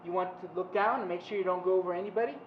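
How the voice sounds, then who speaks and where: Male instructor, high voice, clipped commanding delivery for hands-on gear training; recorded far from the mic outdoors. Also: steady tone, racing, roomy sound. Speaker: fast rope instructor demonstrating rescue gear. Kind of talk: instructional demonstration with shouted commands. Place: open steel training tower, outdoors. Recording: distant muffled mic, clear outdoor noise.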